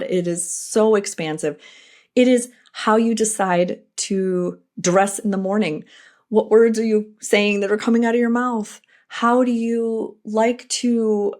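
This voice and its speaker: A middle-aged woman hosting her own podcast, talking through a personal, reflective monologue in an earnest, animated way with frequent asides. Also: fairly high pitch. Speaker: podcast host.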